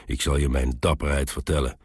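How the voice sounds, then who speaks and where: A man voicing a gruff, lonely old male soldier who guards a city gate. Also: little pitch movement, brisk, no echo, clean studio sound. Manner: gruff, booming.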